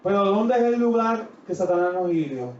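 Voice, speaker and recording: A high-voiced man with a Puerto Rican accent delivers a sermon in a church. He moves between emphatic, drawn-out scripture reading and quieter asides. The recording is distant, roomy and dull. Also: lively intonation. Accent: Puerto Rican Spanish. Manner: swings from loud preaching to quiet asides. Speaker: pastor. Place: church sanctuary.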